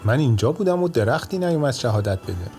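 A man's voice: mid-range voice, sing-song, a little mellow, faint music behind, lightly acted. A man voicing a sly male debtor in a told folk tale, answering in a defensive, dismissive way.

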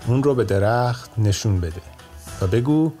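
A man voicing a shrewd, calm old male judge in a told folk tale, speaking in a measured way. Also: mid-range voice, soft background music, close to an everyday voice.

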